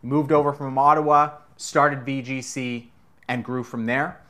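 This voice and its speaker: This is a male podcast host in a relaxed interview chat. He rambles, backs up, restarts his thoughts and jokes with his guest, with the odd swear word along the way. His pitch sits in the middle range for a man. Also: a little slow. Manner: loose, rambling, joking, swears now and then.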